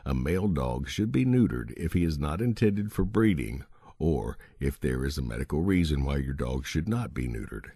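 Male audiobook narrator, deep and mellow, lively intonation, reads instructions steadily. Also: moderate pace, gravelly, breathy edge, no room sound, clean studio sound. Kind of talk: scripted narration of a dog-training book.

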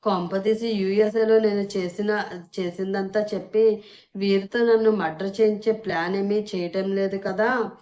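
A woman voicing a flustered, jittery young man in a spoken storybook, rising high when scared. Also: steady tone, moderate pace, mellow, dull audio, lightly acted.

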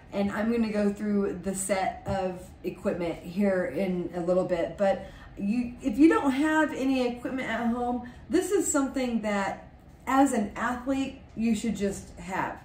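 A woman's voice: medium pitch, a little mellow, distant mic, a little hiss or hum. A woman in her forties hosting a fitness podcast, talking casually and upbeat with plenty of fillers as she coaches listeners from a small home office. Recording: echoey room, voice a little off-mic.

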